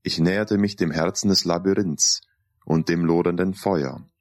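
A man calmly narrating a first-person story in a deliberate storytelling manner. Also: sits low.

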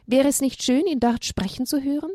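A caring storybook mother as a woman narrator reads her, calm and soothing. Her voice is slightly raised above the narration, and the recording is dry and close. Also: sits high, a little fast, no echo, voice pushed up, natural voice. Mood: hopeful. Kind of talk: storybook reading.

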